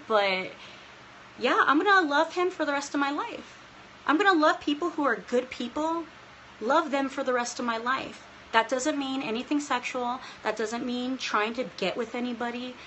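Woman in her 30s chatting to fans on a phone stream, bright and a bit high, earnest, teary and laughy, faint hiss behind. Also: poor audio. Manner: emotional and earnest, laughing often, near tears. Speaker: livestream host answering fans. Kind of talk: casual livestream Q&A. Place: indoors, small room. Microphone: phone held close, front-facing.

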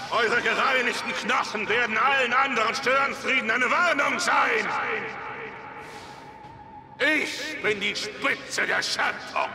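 An actor playing a vain, self-righteous godlike tyrant in a video game, declaiming imperiously and theatrically with heavy reverb. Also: male voice, extremely high pitch, gravelly, exaggerated voice. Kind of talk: dramatic video game villain acting. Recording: echoing reverberant hall, loud music behind.

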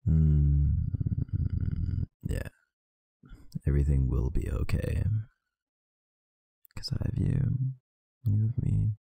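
An ASMR roleplay performer doing a boyfriend roleplay, this man murmurs slowly, softly and tenderly into a close mic in an extremely deep, gravelly voice that is dark and husky. He sounds tired yet affectionate and very animated, intimate in manner. The sound is dry with no room around it.

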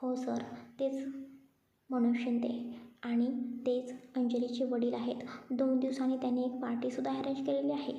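A woman's voice: high-pitched, monotone, moderate pace, gravelly, long pauses, warm tone. A woman voicing a respectful young male assistant reporting to his boss. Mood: dutiful. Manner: respectful, matter-of-fact. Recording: dull echoey room.

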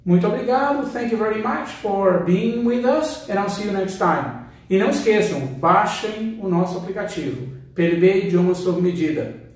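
A man teaching English pronunciation, modeling words slowly and checking in with "ok?" as he goes. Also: high voice, expressive, heavy reverb, recorded from a distance. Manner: slow, deliberate, drawn-out delivery with frequent "ok?" checks. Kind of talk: language lesson, modeling words for repetition.

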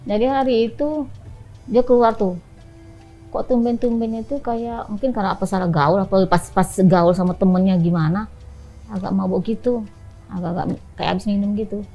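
A woman's voice: medium pitch, steady tone, moderate pace, dull audio, soft background music. A woman telling her personal story in a confessional interview, hesitant and searching for words.

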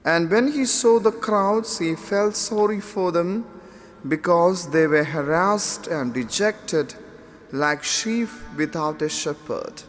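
A male priest proclaiming the gospel in a solemn, measured way, his voice carrying a cathedral echo in a large church. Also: high voice, soft background music. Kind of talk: liturgical gospel reading. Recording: long church reverb.

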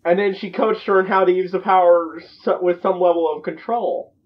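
Young man, high voice, headset mic in a small room, slightly dull recording, excitable reaction host. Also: normal speed, distant mic. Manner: excitable, loud outbursts, restarts mid-sentence. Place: small indoor room at home.

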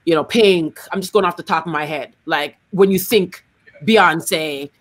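A middle-aged Canadian woman, a singer, hosts a music workshop over a video call from a room at home, using a studio microphone. She chats casually but emphatically, talking with her hands, in a fairly low voice at a measured pace.

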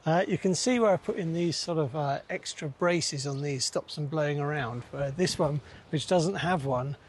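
A man's voice: fairly high pitch, moderate pace, slightly rough. A man talking casually while he works his allotment plot, thinking aloud with plenty of fillers. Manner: chatty, easygoing, thinks aloud with many fillers. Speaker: allotment gardener, channel host. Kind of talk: casual narration while gardening.

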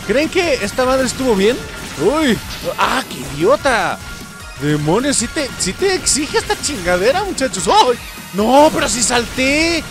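Excitable Mexican gamer yelling at the screen. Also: male voice, high voice. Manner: excitable, swears and yells at the game. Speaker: gameplay streamer. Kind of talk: let's play commentary. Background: game music.

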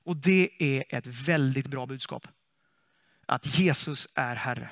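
A man preaching a sermon in a church, lively and playful, often asking the congregation questions. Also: medium pitch, no room sound, studio quality.

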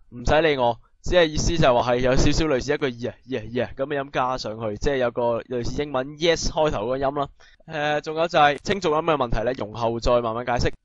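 A man teaching a pronunciation lesson, explaining briskly and then drilling sounds slowly and loudly. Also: mid-range voice, no room sound, dull audio. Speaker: language teacher.

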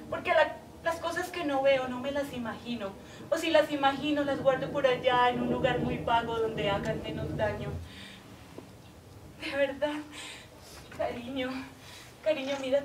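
A woman's voice: high-pitched, measured pace, pauses often. Actress as a heartbroken woman on the phone. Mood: tender. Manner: emotional, swings between tender pleading and desperate outbursts. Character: heartbroken woman pleading with her departing lover by phone. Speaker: stage actress. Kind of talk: stage monologue acting. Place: theater stage. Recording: echoey stage from far off, audible noise.

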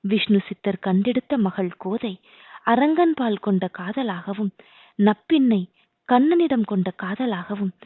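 A woman's voice: medium pitch, no echo. A woman reading the part of a devoted young dancer, pleading with heartfelt, devotional feeling. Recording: dry, tinny phone-like sound.

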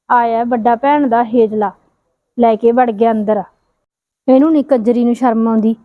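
A woman plays a quarrelsome young wife, her voice high and cutting. She taunts and scolds without letup. The sound is dry and slightly muffled. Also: dry recording, close to an everyday voice. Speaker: quarrelsome sister-in-law. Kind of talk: Punjabi short film acting.

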